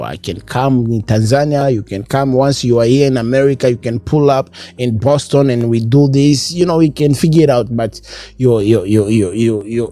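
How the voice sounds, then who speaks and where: A man's voice: mid-range voice, warm tone. A man hosting a podcast, reacting to an interview in an emphatic, repetitive, casual way. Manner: emphatic, repetitive, keeps saying bro. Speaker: podcast host.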